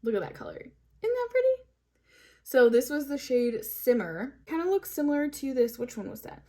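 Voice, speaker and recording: A woman's voice: fairly high pitch, expressive, a little fast, a little mellow. A woman reviewing makeup in a casual, chatty way, gushing over each product with plenty of fillers. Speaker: beauty vlogger. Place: home, hot weather.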